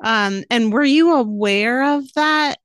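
A woman's voice: a little high, slow pace, smooth, no echo. Encouraging woman host, dry close sound. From West Coast, USA. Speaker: podcast host. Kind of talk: casual interview chat.

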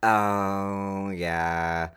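A man's voice: sits low, flat delivery, extremely slow, a bit bright, clean tone. A man co-hosting a casual podcast from inside a closet, rambling, laughing often and swearing casually. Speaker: podcast co-host. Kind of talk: casual chat.

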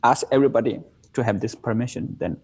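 Fast and husky, with medium pitch and a darkish tone, a man from Nepal tells stories about meditation. He teaches meditation and speaks simple, broken English with a Nepali accent in a playful, relaxed interview.

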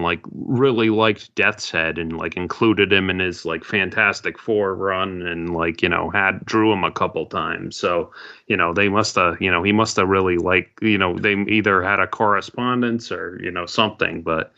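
A man co-hosting a podcast in casual fan chat, halting as he thinks aloud. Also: low voice, sharp tone. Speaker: podcast co-host. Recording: slightly dull, lo-fi podcast audio.

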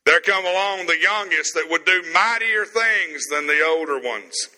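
A man preaching a sermon as pastor, stressing words slowly with pauses, in an empty room. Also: sits high, sharp tone, in a large hall, rough recording.

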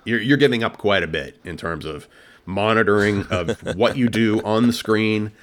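A man with a very low, deep voice chats casually as a co-host of a tech podcast. He talks things through in an easygoing way and lets out small chuckles between points. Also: moderate pace, slight background noise. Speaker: co-host of a home theater tech show.

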